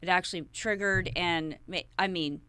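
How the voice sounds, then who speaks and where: A middle-aged woman tells her story as a podcast guest, circling back and restarting her words as she goes. Her voice is bright and crisp, recorded dry and close. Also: fairly low pitch, fairly even intonation, moderate pace, dry recording. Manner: rambling, repeats and restarts words. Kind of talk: personal interview storytelling.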